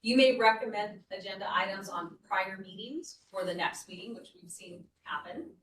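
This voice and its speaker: A woman's voice: mid-range voice, moderate pace, background noise. A woman city staff presenter giving a board training, talking conversationally and explaining with frequent restarts. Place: meeting room. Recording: echoey meeting room, distant mic.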